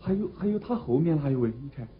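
An actor playing a pretentious, polite middle-aged job applicant in a TV comedy, with dialect. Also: male voice, a little high, animated, fast talker, close to an everyday voice. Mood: confiding. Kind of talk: comedy TV drama dialogue. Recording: muffled old TV sound, faint noise.

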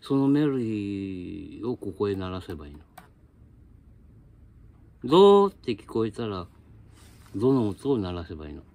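A man's voice: fairly low pitch, very animated, normal speed, pauses often, darkish tone, a little hiss or hum. A man teaching a casual spoken lesson in a blunt, colloquial, lecturing way.

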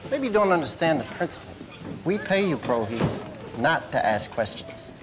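A high-pitched, pushy 1920s gangster. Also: male voice, big pitch swings, moderate pace, music in the background. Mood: scornful, irritated. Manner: emphatic, condescending. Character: pushy, condescending 1920s male gangster paying bribes. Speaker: actor in a period television drama.

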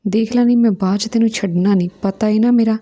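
Anxious young wife, soft half-whispered lines, dark mellow voice, husky, woman reading. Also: mid-range voice, fairly even intonation, quick pace, natural voice.

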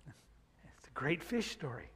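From the pulpit of a sanctuary, an elderly pastor gives a thoughtful, unhurried sermon, stretching words out to stress them. His fairly high voice swoops wildly in pitch and sounds a bit bright and husky. The pulpit mic captures long reverb from the church.

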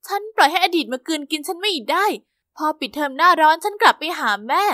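Very high, bright female narrator. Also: fast, no echo, clean studio sound. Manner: lively, expressive storytelling. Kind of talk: scripted first-person narration.

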